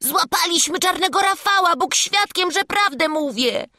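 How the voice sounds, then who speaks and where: A plucky peasant boy, quick to argue and bold in his pleading. The voice sits high and sounds bright and sharp, like a storybook hero lad. It is a dry, close audiobook read. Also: lively intonation, no room sound, exaggerated voice. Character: brave cheeky peasant boy apprentice. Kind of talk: audiobook character voice.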